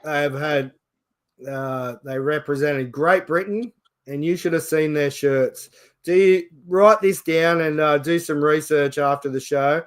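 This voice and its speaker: An Australian man with a fairly high voice presents a casual sports show. He chats through results as the host, in an informal style. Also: fairly even intonation, unhurried, clear, resonant tone.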